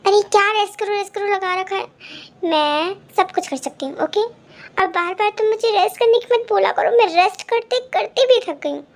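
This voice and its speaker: A woman voicing a bossy young wife, very high. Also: moderate pace. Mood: stubborn. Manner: scolding and bossy. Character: fussy young wife Jimin, caring. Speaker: voice actor in a fan audio drama. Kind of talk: fan audio drama with many voices.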